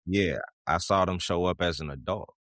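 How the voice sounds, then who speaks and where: A man co-hosting a podcast, talking things through in a measured, reflective way and telling stories from his own life. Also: sits low, fairly bright tone, no room sound, clean studio sound. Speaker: podcast co-host. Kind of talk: casual conversation.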